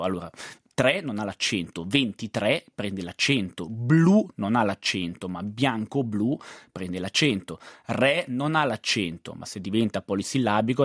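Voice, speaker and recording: A man's voice: on the low side, no room sound, studio quality. A man on a radio program explaining rules in a didactic way, listing examples. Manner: didactic, lists examples, quick bursts. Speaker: language expert on a radio program.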